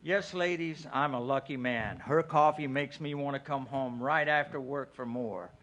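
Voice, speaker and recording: A man's voice: mid-range voice, moderate pace, a bit bright, lightly acted. A man playing a cheerful, smug husband with a hearty, sweet-talking delivery, in a comic radio commercial.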